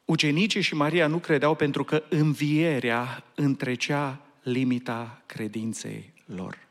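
A man's voice: mid-range voice, fairly even intonation. A man preaching a sermon, asking earnest rhetorical questions and slipping in English phrases. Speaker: pastor.

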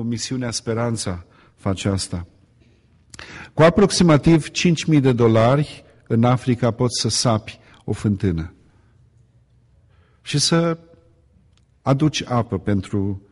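A man's voice: medium pitch, darkish tone. Male preacher in a reverberant hall. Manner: rhetorical questions to the congregation, emphatic repetition. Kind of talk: sermon.

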